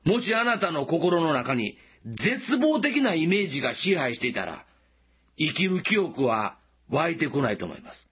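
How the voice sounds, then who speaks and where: A pastor delivers a sermon, his voice a little high, husky and very animated, as he gently poses questions to listeners and slows down to stress key points. The recording sounds dull and lo-fi.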